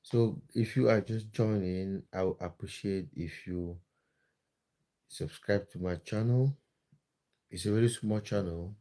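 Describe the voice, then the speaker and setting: Speaking at a measured pace in a warm, lowish voice, a man from Cameroon chats through viewer comments on his casual live stream. He's a football content creator, and his friendly delivery is loaded with fillers and restarts.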